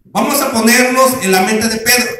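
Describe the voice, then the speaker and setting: A man's voice: extremely high pitch, moderate pace, bright, forceful tone. A male pastor preaching a sermon, putting questions to the congregation and answering them himself. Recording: very echoey room.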